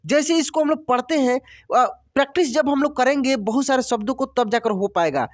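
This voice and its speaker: A man's voice: extremely high pitch, fairly quick, no echo, clean studio sound. A man teaching a reading lesson to viewers, reading words out one at a time and often calling them friends.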